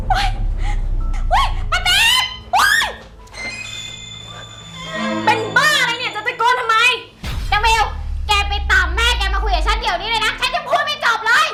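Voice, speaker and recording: A woman playing a panicky young swindler who pleads and shouts in a short film. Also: extremely high pitch. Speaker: swindler who cheated an aunt. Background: loud music.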